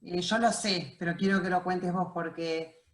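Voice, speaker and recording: A woman, interviewing a guest with conversational questions, prompting her and pausing on fillers as she searches for words. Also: on the low side, fairly even intonation. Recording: echoey room.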